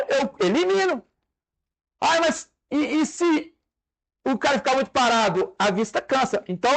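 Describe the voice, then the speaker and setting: Brazilian male preacher, high voice, very expressive delivery, joking sermon style. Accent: Brazilian Portuguese. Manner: animated, conversational, demonstrates stage tricks with humor.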